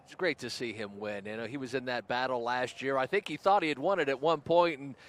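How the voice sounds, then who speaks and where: A man's voice: medium pitch, fairly quick, fairly bright tone, slight background noise. A male radio race commentator in an enthusiastic, rambling manner.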